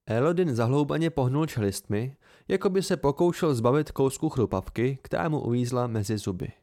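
Man, amateur audiobook reader, steady, mid pitch.

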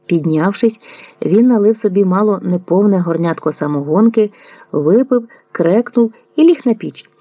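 A woman narrating a literary audiobook in a calm, measured way. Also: medium pitch, no room sound. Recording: dull lo-fi dry recording.

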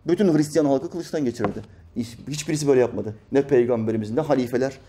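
A man's voice: medium pitch, quick pace, mellow, slight background noise. A man preaching in a religious commentary talk, reading out news quotes and answering them with emphatic rhetorical questions.

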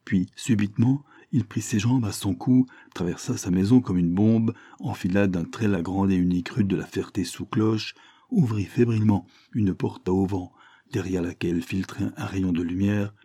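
A man reading a literary short story aloud in a measured, expressive storytelling manner. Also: lowish voice, dry recording, clean studio sound. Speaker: reader.

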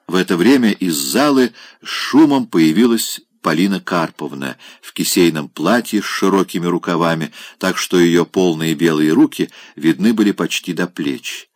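A man narrating a classic novel as an audiobook in an expressive, measured reading. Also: deep voice, no room sound.

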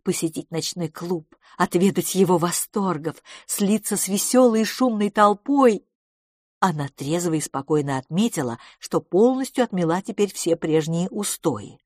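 A woman narrating an audiobook in a measured, expressive reading style. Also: on the low side, dry recording, studio quality. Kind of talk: scripted narration.

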